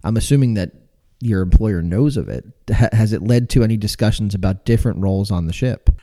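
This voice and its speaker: A man's voice: lowish voice, brisk, mellow. A man from the United States hosting a podcast interview, asking long, rambling questions with many restarts. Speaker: podcast host.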